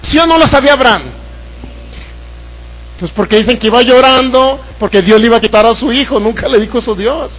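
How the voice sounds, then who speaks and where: A man's voice: extremely high pitch, a little fast, fairly bright tone, rough recording. A man with a Mexican Spanish accent preaching a sermon, putting questions to the congregation and acting out Bible scenes. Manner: acts out voices from the Bible story. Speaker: pastor.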